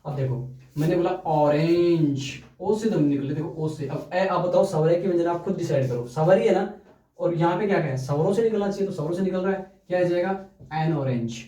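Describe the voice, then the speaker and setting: A man teaching a grammar lesson in a classroom style, quizzing his students and then answering his own questions. His voice is mellow and sits a little high for a man. It sounds roomy and set back from the mic. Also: a little fast, recorded from a distance. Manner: repeats questions to students and answers them himself. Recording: echoey room, voice from off the mic.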